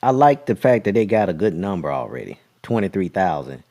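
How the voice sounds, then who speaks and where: A man's voice: on the low side, very animated, a little fast, creaky, dark tone. A man co-hosting a casual talk show, speaking in an easygoing, conversational way. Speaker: podcast co-host. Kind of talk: casual chat.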